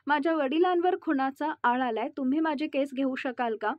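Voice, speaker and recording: A woman's voice: high voice, moderate pace, no room sound, lo-fi sound, natural voice. A woman reading the lines of a desperate young woman begging a lawyer for help. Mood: pleading. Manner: pleading.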